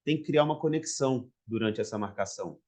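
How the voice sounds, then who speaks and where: Fast-talking, mellow Brazilian man. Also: on the low side, expressive. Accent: Brazilian Portuguese. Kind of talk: casual training talk.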